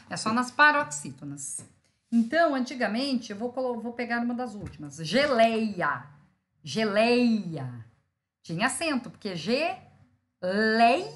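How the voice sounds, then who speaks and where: Lady teacher walking students through spelling rules, stops a lot to check they follow, stretches out syllables. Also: on the high side. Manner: explains step by step, checks in often with "né?" and "tá?"; spells out syllables slowly and loudly for emphasis. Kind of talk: recorded online grammar lesson.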